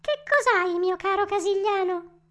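A woman voicing a kind little female marmot who gently consoles a friend in a squeaky, tender voice. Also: lively intonation, unhurried, full character voice. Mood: consoling.

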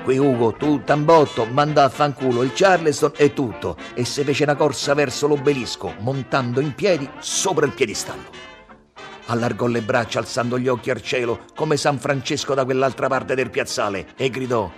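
A man reading a novel aloud, expressive and vivid. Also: mid-range voice, normal speed, music in the background. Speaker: audiobook reader. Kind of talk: dramatic literary reading.

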